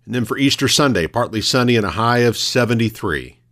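A man reads local radio news as the host. His delivery is formal and measured, in a mid-pitched voice, like a scripted morning bulletin of announcements. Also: animated, a bit bright.

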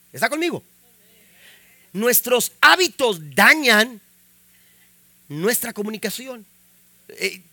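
Predicador mexicano de voz muy aguda y brillante. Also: male voice, extremely high pitch, bright, forceful tone, dry recording. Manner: preaching with frequent "amén" and rising emphasis. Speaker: pastor. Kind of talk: sermon.

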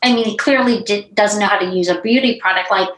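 A middle-aged woman, a brand founder, tells stories as a guest in a casual interview. She is animated and chatty, full of fillers and little asides, at an ordinary middle pitch. Her voice carries a roomy echo. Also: fast. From United States.

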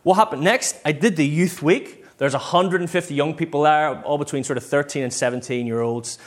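A man with a Northern Irish accent gives a casual, conversational sermon, weaving in personal stories, quoting himself and acting out brief bits of dialogue. He speaks fairly quickly in a slightly high voice.

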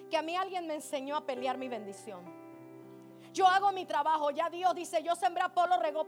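A woman preaching a sermon at a church service, impassioned, swinging from hushed storytelling to shouting. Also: high voice.

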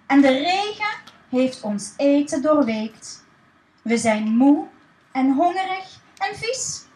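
A woman's voice: high voice, sing-song, takes it slowly, darkish tone, a little hiss or hum, heavily acted, rough recording. Tired father of a stranded family as a woman reads him, weary and plain. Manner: tired and dejected.

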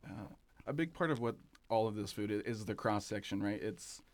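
A man talking as an interview guest about his café, relaxed and rambling, with plenty of fillers and restarts. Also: lowish voice, moderate pace, no echo. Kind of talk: casual interview chat.

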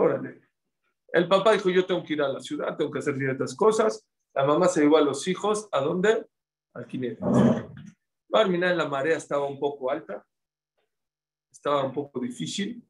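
A middle-aged man giving a religious class, telling stories in an animated way and repeating words for emphasis. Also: on the high side, low-quality recording. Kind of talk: sermon with storytelling.

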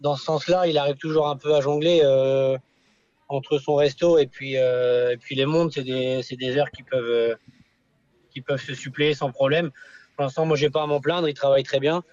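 A man's voice: mid-range voice, fairly even intonation, normal speed, a little mellow, dry recording. Hesitant young male driver on dull line. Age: young adult. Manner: hesitant, many fillers and restarts. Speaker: harness racing driver guest. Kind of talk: radio interview.

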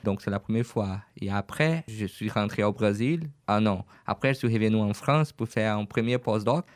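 A man's voice: on the low side, normal speed, no echo, studio quality. A Brazilian man, native Portuguese speaker, speaking French with a Brazilian accent as a radio interview guest, a little hesitant and searching for words. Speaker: guest, business owner.

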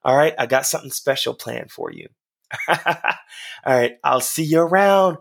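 A man hosting a motivational podcast in an earnest, encouraging way, his voice hoarse today. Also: medium pitch, expressive, normal speed. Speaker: podcast host.

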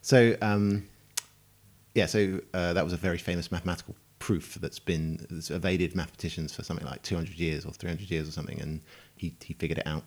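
A man's voice: low-pitched, fairly even intonation, a little fast. A man co-hosting a science podcast in casual, conversational chat.

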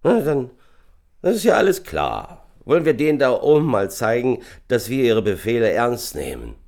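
A man's voice: medium pitch, sing-song, normal speed, gravelly, darkish tone, voice pushed up. A man voicing a drunk, mocking sergeant who slurs his words in a raised voice. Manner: slurring.

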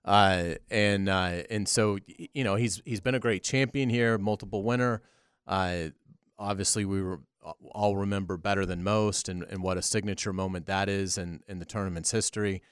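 A man with a low voice co-hosts sports talk radio. He gives conversational commentary, and the sound is very dry and close. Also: steady tone, normal speed, clean tone, no echo.

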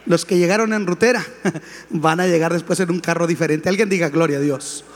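A male pastor preaching a sermon, building to shouts and calling on the congregation to respond. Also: fairly high pitch, brisk. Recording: long hall reverb.

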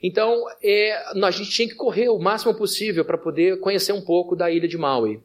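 A male pastor telling a lively personal anecdote in a sermon to his church, with a Brazilian Portuguese accent. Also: sits high, fairly quick. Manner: lively anecdotal, addresses congregation as dear ones. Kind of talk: storytelling sermon.

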